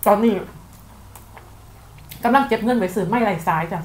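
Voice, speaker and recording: A woman's voice: mid-range voice, normal speed, a little hiss or hum, low-quality recording. Young Isan-accented woman, mukbang host, talks through a full mouth, chatty, headphone mic. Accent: Isan Thai. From Thailand, Isan (Buriram). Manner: chatty, frequent soft sentence-final particles. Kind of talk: casual eating show chat.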